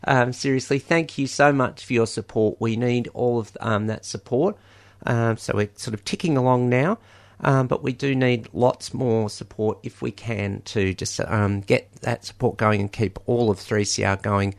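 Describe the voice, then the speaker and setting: A man's voice: medium pitch, steady tone, normal speed, vocal fry. A man presenting a community radio fundraiser, rambling with many ums and jokey asides, in a studio. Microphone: studio microphone.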